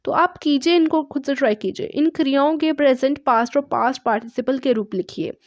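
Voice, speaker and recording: A woman's voice: high-pitched, a little fast, darkish tone, no echo, studio quality. A young woman with an Indian accent teaching an online English lesson, patiently walking through test items and checking in after each one. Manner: patient, repeats "ठीक है" after each point.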